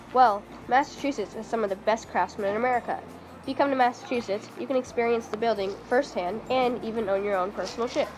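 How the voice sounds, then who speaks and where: A woman presenting a scripted sales pitch in the style of an infomercial. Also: poor audio.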